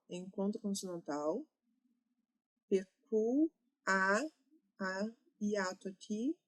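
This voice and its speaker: Using a mid-range voice, a woman with a Brazilian Portuguese accent walks students through exam-focused grammar step by step, correcting herself as she talks.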